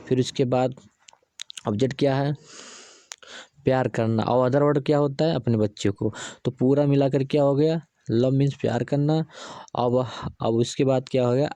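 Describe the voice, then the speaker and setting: Guy teaching english grammar, keeps asking then answering, dark voice, dry close sound. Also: medium pitch, dry recording. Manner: repetitive, patient teaching with rhetorical questions. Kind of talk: explaining grammar examples step by step.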